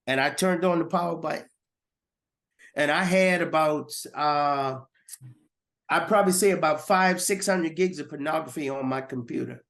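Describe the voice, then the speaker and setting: A man's voice: fairly high pitch, normal speed, a bit bright. A man giving a personal testimony as a guest, earnest and repeating words as he goes.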